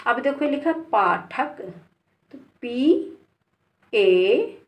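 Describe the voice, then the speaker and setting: A woman from India teaches a beginner spelling lesson at a very slow, deliberate pace. She spells each word out letter by letter and speaks to her learners as "beta". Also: on the high side, lively intonation, muffled recording.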